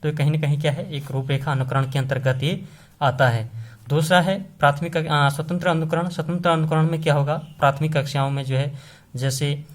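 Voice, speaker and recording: A man's voice: fairly high pitch, fairly even intonation, fairly quick. A man teaching an exam-prep lesson, explaining step by step and often checking in with the listener with short tag questions.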